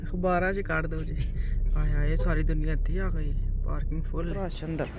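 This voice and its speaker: A woman's voice: sits low, steady tone, brisk, loud music behind the voice. A woman with a Punjabi accent chatting casually as a vlogger, in an exclaiming, chiding and teasing manner. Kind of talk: casual chat. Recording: noisy car and outdoor ambience. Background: vehicle and street noise.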